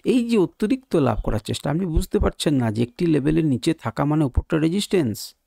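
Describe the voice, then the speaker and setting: A man's voice: fairly high pitch, animated, a little fast, gravelly, dark tone, slightly rough, no room sound, clean studio sound. A man teaching trading, speaking in with an emphatic lecturing manner full of rhetorical questions. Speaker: trading educator. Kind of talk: explanatory lecture to viewers.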